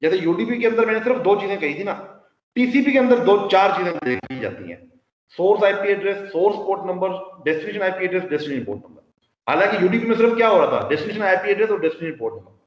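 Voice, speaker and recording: A man's voice: sits high, sing-song, fast. A man teaching a lecture, explaining step by step with rhetorical questions and English technical terms. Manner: mixes English technical terms into his speech. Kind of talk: classroom lecture. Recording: roomy hall sound, dull lo-fi audio.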